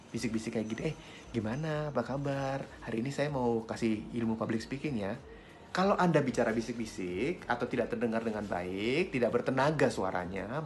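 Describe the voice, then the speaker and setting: A man teaching public speaking in a friendly, lively way, swinging his pitch up and down to show intonation. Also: a little hiss or hum. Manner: friendly, chuckles between points. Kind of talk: instructional talk to camera.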